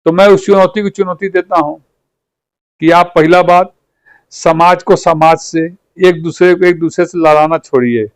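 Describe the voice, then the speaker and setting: A man's voice: on the high side, fairly even intonation, a little slow, clean tone, no room sound, low-quality recording. Fiery man with a Bhojpuri accent. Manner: fiery and rhetorical, repeating phrases for emphasis. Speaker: party leader. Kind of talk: combative political interview.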